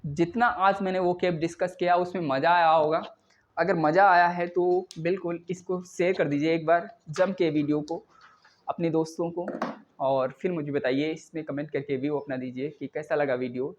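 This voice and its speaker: Man teaching vocabulary, lo-fi. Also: on the high side. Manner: repeats words, frequent "thik hai" check-ins. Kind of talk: explaining English words in Hindi.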